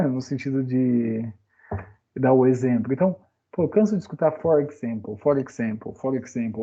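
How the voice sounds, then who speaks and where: A man's voice: mid-range voice, dark tone, slightly rough, muffled recording. A man teaching English grammar in a casual online lesson, chatting with a Brazilian Portuguese accent and tagging his sentences with questions. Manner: chatty, frequent "né?" tag questions.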